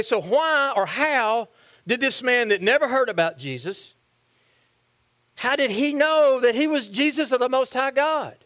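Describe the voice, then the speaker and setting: Man, very high voice, preaching a sermon, questions to the congregation. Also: a bit bright. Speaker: pastor.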